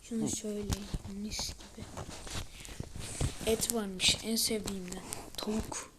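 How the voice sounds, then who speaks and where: A woman giving let's-play commentary with excitable running reactions to the screen, often dropping into a whisper. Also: mid-range voice, unhurried, heavy background noise. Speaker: gaming video creator.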